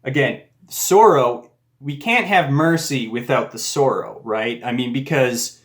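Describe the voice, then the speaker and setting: A man's voice: mid-range voice, a little slow, a bit bright. A man talking casually and earnestly about a personal faith experience, rambling with frequent restarts. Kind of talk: casual reflective monologue.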